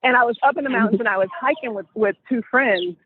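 A high-voiced woman speaks over a tinny, phone-like line, her tone husky. She co-hosts a group call and tells stories with animated energy. The sound is dry and close. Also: fast. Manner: animated storytelling with laughs. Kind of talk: casual inspirational talk.

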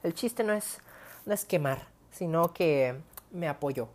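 A young woman with a low voice and a Mexican Spanish accent tells stories straight to her viewers. She keeps it casual, full of slang, and breaks into whispered asides as she acts out her own stories. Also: measured pace. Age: young adult. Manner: chatty, slangy, animated retelling with whispered asides. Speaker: vlogger. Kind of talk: casual storytelling to camera.

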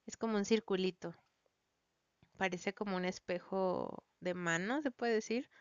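A woman's voice: medium pitch, a little slow, clean tone, no room sound, highs cut off. A woman with a Mexican Spanish accent casually retells a story for her viewers in a slangy, rambling way, full of fillers and restarts. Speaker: vlogger recounting a story.

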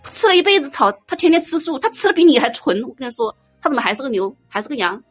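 A woman giving an informal dharma talk as a Buddhist teacher, blunt and teasing, telling lively stories. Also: high-pitched, quick pace, breathy edge, faint music behind. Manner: blunt, teasing, animated storytelling.

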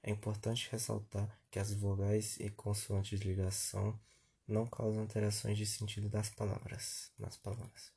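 A man's voice: lowish voice, completely flat delivery, normal speed, vocal fry, warm tone, husky. A man reviewing a grammar lesson, methodically reading definitions and word lists aloud. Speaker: teacher.

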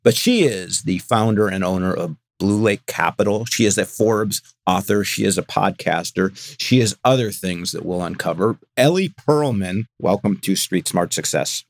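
A man's voice: low voice, normal speed, hardly any pauses, no room sound. An older man hosting an interview podcast, opening with an announcer-style intro and then chatting casually with a guest. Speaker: podcast host.

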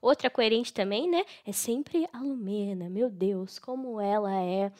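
A young woman hosting a casual chat, talking over the latest reality show drama in a gossipy, animated, sarcastic way. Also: medium pitch, a little slow. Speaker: podcast host.

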